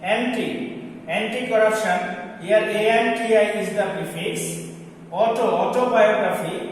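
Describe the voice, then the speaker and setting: A man with a Bangladeshi accent teaching English grammar to students, slowly spelling out letters and switching between Bengali and English. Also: sits high. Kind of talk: classroom grammar lesson. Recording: echoey hall, distant mic, faint noise.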